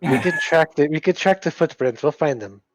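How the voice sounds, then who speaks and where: A man playing a tabletop role-playing game, phrasing things haltingly and deliberately, in and out of character. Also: a little high, dry recording. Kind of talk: casual game play, speaking in and out of character. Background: music.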